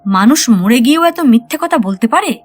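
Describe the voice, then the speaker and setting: A woman voicing an angry older man who blusters and shouts in indignation. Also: a little high, expressive, normal speed, faint music behind. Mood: indignant.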